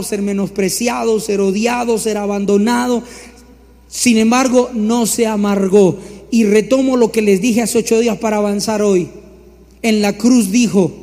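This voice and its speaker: A male pastor preaching in a high, ringing voice. He builds his points through repeated phrases and slips into mocking mimicry of others. His voice carries a long reverb from a large hall. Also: creaky, a little mellow. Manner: emphatic preaching with rising repetitions. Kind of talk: sermon.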